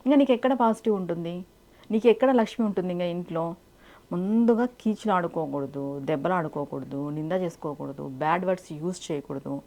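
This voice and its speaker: A woman's voice: on the low side, fast, warm tone. A woman giving devotional advice in a direct, instructive way, often asking rhetorical questions. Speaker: spiritual speaker.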